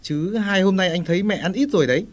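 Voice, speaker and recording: A man's voice: high voice, fast, lightly acted. A man playing an earnest middle-aged husband who lectures his wife about family meals.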